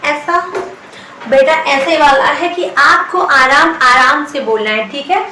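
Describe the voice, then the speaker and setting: A woman teaching a spoken English lesson, addressing viewers affectionately as children and repeating each phrase very slowly. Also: high-pitched, pushed and bright, a little hiss or hum. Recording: echoey room, heard from a distance.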